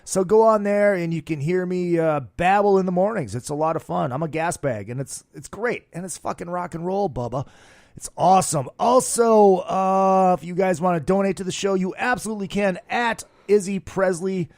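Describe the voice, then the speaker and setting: Brash, hungover man hosting, high-pitched and dry. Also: moderate pace, darkish tone, dry recording. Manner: brash, profane, slangy showman. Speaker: podcast host. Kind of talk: loud rock podcast monologue, casual ad-libbed plugs. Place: studio.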